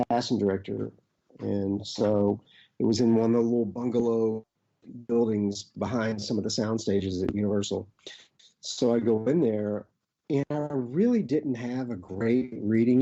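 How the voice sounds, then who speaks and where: A middle-aged man with an Arkansas accent, casually reminiscing as an interview guest in a rambling, halting way. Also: on the low side, mellow. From Arkansas, United States. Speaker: actor, podcast guest. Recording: dull, lo-fi audio.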